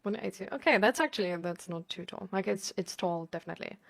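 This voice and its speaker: Her voice is medium-pitched, gravelly, animated and fast. She's a German woman hosting live, chatting casually while rambling and thinking aloud, hesitant and giggly, laughing a lot as she goes.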